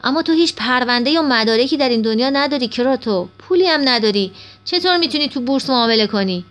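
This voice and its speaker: A woman's voice: sits high, lively intonation, fairly bright tone, faint music behind, voice pushed up. A woman voicing an eager, curious young boy who asks many questions. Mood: earnest.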